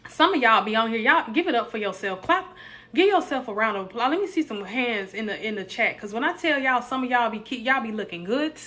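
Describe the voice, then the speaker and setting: Brisk and a little high-pitched, a woman runs a casual live stream, playfully reading viewers' comments aloud and getting her chat excited.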